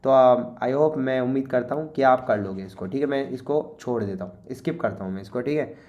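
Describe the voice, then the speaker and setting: A man with an Indian accent, teaching by walking through an exam paper in a chatty way, often saying "okay" and reading English lines slowly. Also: medium pitch, a little mellow, dull audio. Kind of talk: exam paper walkthrough lesson.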